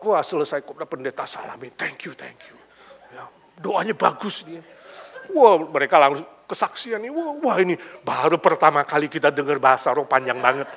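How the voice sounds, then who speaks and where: A man's voice: a little high, sing-song, fairly quick, a bit bright. A man from Indonesia preaching a sermon as a pastor, telling stories and acting out the characters with bits of English and casual slang. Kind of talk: sermon with anecdotal storytelling.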